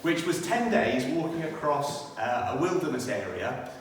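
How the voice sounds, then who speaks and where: Inside a church, a British man shares his testimony and reads from scripture in a sing-song, medium-pitched voice at ordinary speed. His words echo through the hall, captured from a distance with a little noise.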